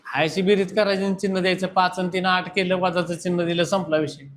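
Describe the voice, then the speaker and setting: A man's voice: high voice, flat delivery, quick pace, a bit bright. A man, teaching a class and lecturing students bluntly. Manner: scolding, blunt, talks straight at students. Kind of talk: classroom lecture and pep talk.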